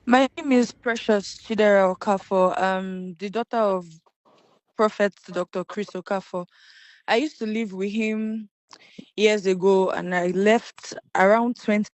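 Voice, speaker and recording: A woman's voice: mid-range voice, steady tone, a little slow, no echo. A young woman speaking on a played-back phone call, plain and slightly hesitant. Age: young adult. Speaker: caller.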